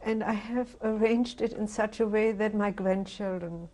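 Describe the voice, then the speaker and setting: An older woman from Germany giving a reflective, halting oral history testimony, often restarting her sentences. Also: medium pitch, fairly even intonation, warm tone. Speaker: interviewee. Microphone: interview recording.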